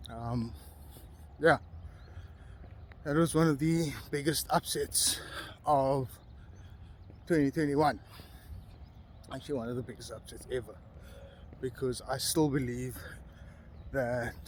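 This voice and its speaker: A man with a slightly high voice talks casually as he walks outside, vlogging without a script. His delivery is slow and halting, often pausing mid-thought. Faint ambient noise sits behind him. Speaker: boxing vlogger. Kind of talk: casual solo commentary, chatty and unscripted. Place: outdoors, on a walk.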